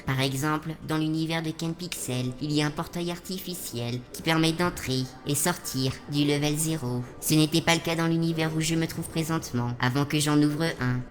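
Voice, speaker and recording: A deadpan robot host voiced by a synthetic woman's voice talks in a flat, matter-of-fact way and drops dry jokes. The machine voice sits very low for a woman. Soft music plays faintly behind it. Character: calm deadpan robot host of an eerie channel. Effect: synthetic text-to-speech robot voice. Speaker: narrator and channel host. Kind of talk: scripted lore narration.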